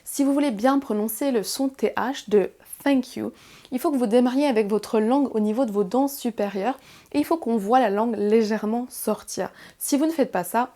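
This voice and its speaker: Brisk French woman teaching English. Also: a little high, mellow. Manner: clear, deliberate model pronunciations, slowing on English phrases. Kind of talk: beginner language lesson.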